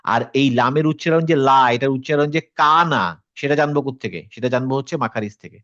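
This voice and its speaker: A man's voice: medium pitch, quick pace, a bit bright, no echo, highs cut off. A man teaching a Quran tajweed class online. He explains patiently, drops English words into his talk and stops to check that students follow.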